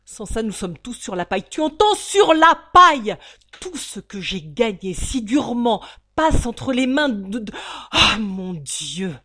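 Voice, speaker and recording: A woman voicing a fat, greedy male banker who shouts in breathless panic about losing his money. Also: fairly high pitch, big pitch swings, brisk, few pauses, pitched above the performer's own voice. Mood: frantic.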